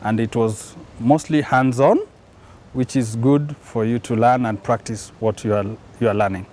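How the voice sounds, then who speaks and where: A man from Kenya, a researcher, speaking slowly and deliberately about his training. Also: medium pitch, fairly even intonation, darkish tone.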